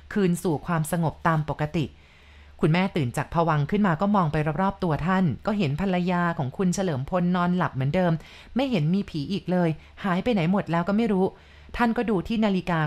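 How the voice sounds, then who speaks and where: Calm woman telling a ghost story. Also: fairly low pitch. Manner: calm, polite, measured.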